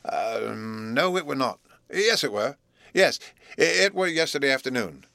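A man reading aloud and voicing a humble, awkward country blacksmith who talks in a rustic dialect, earnest and halting. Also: medium pitch, expressive, a bit bright, no room sound. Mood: stiff, polite.

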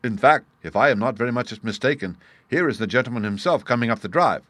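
Guy narrator doing a calm stern detective in an audiobook, formal and sure of himself, mid pitch, very dry. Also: quick pace, no echo. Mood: calmly assured. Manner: precise, formal, authoritative. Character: masterful English detective, composed, stern and assured. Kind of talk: audiobook character dialogue.

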